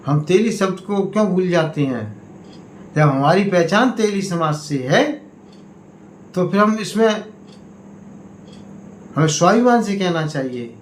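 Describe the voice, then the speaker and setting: A man giving a political speech to community members, in slow, emphatic oratory that swings between raised appeals and low warnings. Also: a little hiss or hum. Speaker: party state president. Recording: echoey room, faint ambience.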